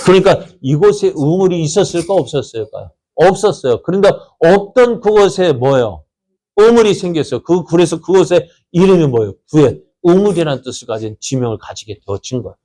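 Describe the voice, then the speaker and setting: A Korean-speaking man preaching to his congregation. He asks questions, answers them himself, repeats phrases for emphasis, and reads scripture slowly. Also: animated, mellow. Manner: repeats phrases for emphasis, rising and falling pitch. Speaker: pastor. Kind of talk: sermon.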